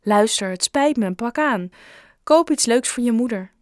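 A woman's voice: on the high side, expressive, unhurried, no room sound, pitched above the performer's own voice. Snappy angry schoolboy as a woman reads him, curt delivery, very dry close sound. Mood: placating. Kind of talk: audiobook character voice.

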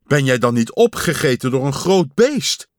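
A man voicing an anxious, caring male toad who frets and cries out loudly in a storybook reading. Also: mid-range voice, sing-song, normal speed, no echo, studio quality, lightly acted. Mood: relieved. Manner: fretful, rising to loud cries.

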